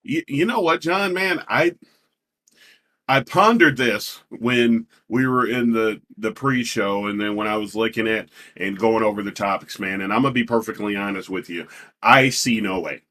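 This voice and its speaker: Forties guy, punchy bright voice, emphatic casual sports podcast talk. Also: lowish voice, moderate pace. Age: 40s. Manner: emphatic, repeats himself for stress. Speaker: podcast co-host.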